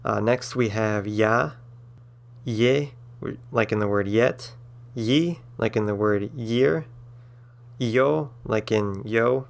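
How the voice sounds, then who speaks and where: A man's voice: fairly low pitch, slow pace, creaky. A man teaching a language-building lesson, patiently spelling out sounds with some filler words. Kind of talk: explanatory lesson.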